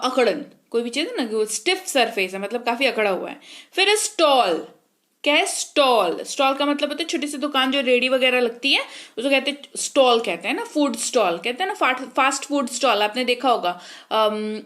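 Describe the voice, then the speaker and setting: A woman's voice: on the high side, a bit bright. A woman teaching English spelling, patiently spelling words letter by letter and checking in often. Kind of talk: spoken English lesson.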